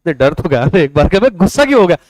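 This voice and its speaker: A man's voice: sits high, sing-song, very fast, low-quality recording. A young man teaching an online commerce class in a chatty, joking way, calling his students "beta". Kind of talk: casual online class lecture.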